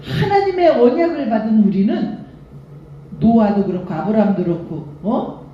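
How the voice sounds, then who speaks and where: A woman's voice: a little high, normal speed, very echoey, lo-fi sound, slight background noise. Older woman pastor preaching animatedly. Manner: animated storytelling, acts out quoted voices. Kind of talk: revival sermon. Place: church sanctuary.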